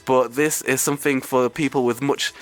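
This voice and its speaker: A man hosting community radio with a croaky, ill-sounding voice, talking casually and hesitantly off the cuff. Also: mid-range voice, fairly even intonation, moderate pace. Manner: hesitant, conversational, rambling. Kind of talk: casual radio talk, unscripted.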